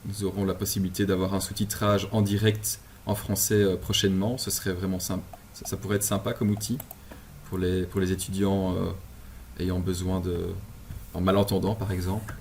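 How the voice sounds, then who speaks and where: A man from Belgium giving a relaxed software tutorial from his apartment over a video call, with many fillers and restarts. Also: low-pitched, normal speed, slight background noise. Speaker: instructor. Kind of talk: screen-share software tutorial. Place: home apartment.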